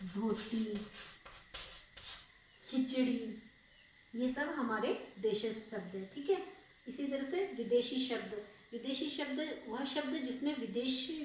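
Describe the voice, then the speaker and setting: Young female schoolteacher, slow and patient, recorded from across a very echoey room. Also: a little high, recorded from a distance, a little hiss or hum. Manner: patient, repeats and asks checking questions. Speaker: school teacher. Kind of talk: grammar lesson.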